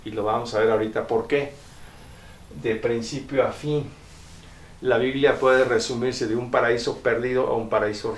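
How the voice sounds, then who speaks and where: A man giving a Bible lecture. He explains step by step, often checks in with his listeners, and slowly sounds out ancient Greek terms. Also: mid-range voice. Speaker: Bible teacher. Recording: roomy echo, distant mic.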